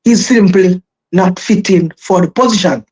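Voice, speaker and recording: A woman with a Jamaican accent and a husky voice, making an argument casually as a guest on a talk show. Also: fairly low pitch, normal speed, darkish tone. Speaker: call-in guest.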